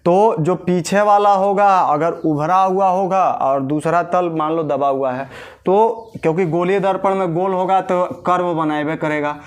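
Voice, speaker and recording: A man's voice: high voice, steady tone, unhurried, smooth. A man teaching a physics lesson, drilling a definition step by step and answering his own questions. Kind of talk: classroom lecture.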